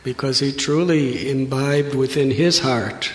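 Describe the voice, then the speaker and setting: A man giving a devotional address as a visiting preacher, speaking solemnly in short, measured phrases left open for an interpreter. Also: mid-range voice. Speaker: visiting Hare Krishna preacher. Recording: echoey reverberant hall, noisy.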